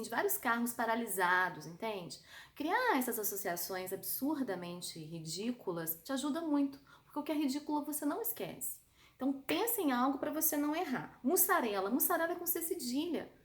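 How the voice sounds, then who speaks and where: Brazilian woman, lively online language teacher, slightly high voice, affectionate chatty delivery. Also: echoey room. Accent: Brazilian Portuguese. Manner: lively, chatty, calls students "amor". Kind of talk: online spelling lesson.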